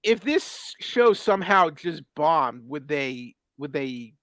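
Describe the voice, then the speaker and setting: High-voiced man, smooth and dry. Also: very animated, takes it slowly, a bit bright, no room sound. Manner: hesitant, many fillers and restarts. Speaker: watch party co-host. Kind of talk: casual pop-culture chat.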